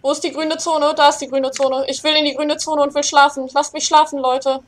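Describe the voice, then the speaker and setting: A young woman hosting a let's play, commenting casually and shouting in panic when things get scary. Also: high-pitched, a little fast. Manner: excitable, panicky shouting during scares.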